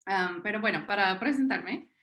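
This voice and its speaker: A woman's voice: medium pitch, normal speed, a bit bright. A woman from Tennessee with an American accent, whose first language is English, speaking as a historian on a panel, hesitant, with many fillers and restarts. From Tennessee, United States. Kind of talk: unscripted panel talk.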